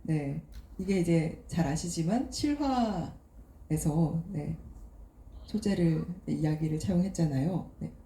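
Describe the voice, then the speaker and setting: A woman moderates a post-screening talk in a brisk, friendly way. Her voice is fairly low and very mellow. It echoes around an event hall. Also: animated. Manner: brisk, friendly, laughs lightly between questions.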